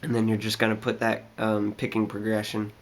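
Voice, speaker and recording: Guitar plays throughout as a young teacher, his voice a bit scratchy from a cold, hesitantly walks through a guitar part in a casual tutorial, with many ums and restarts. He talks briskly in a fairly low, monotone voice.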